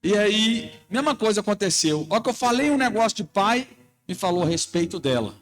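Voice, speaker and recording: A male pastor preaching at a conference, animated, telling stories and acting out his own words. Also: high voice, fairly quick. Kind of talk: sermon. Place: church conference hall. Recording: preaching with music playing behind. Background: music.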